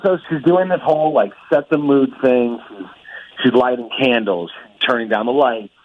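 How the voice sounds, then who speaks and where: An excitable, chatty man heard over a phone speaker on a radio show. His voice sits at an ordinary middle pitch and comes through a muffled, narrowed line, laughing as he talks. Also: normal speed. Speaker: radio call-in guest. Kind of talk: casual chat.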